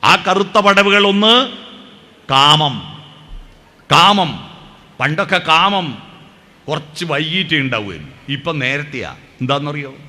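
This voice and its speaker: A man's voice: fairly high pitch, lively intonation, slow, long pauses, sharp tone. A man with a Kerala Malayalam accent giving a devotional talk, telling stories, asking rhetorical questions and breaking into sung verses. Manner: storytelling, sings snatches of hymns, rhetorical questions. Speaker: spiritual speaker.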